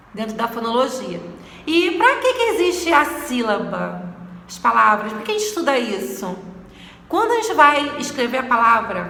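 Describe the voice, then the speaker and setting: A woman's voice: fairly high pitch, bright, forceful tone, slight background noise. A woman from Brazil teaching a recorded lesson to young students, stretching out and repeating words to stress their syllables. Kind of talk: recorded video lesson for sixth graders. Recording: echoey room with long reverb.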